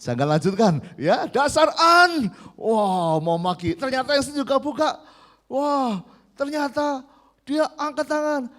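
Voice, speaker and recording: A male pastor preaching a sermon at a church service, telling lively stories and prompting the congregation to repeat key words back to him. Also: very high-pitched, unhurried.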